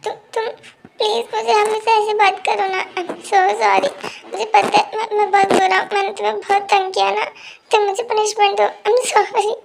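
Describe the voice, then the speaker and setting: A weepy, apologetic young husband, as an amateur dubber puts him on in a homemade fan-fiction dub. The voice sits extremely high with a gravelly, creaky edge, and the lines come in stammering, tearful apologies. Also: fairly even intonation, moderate pace, very noisy.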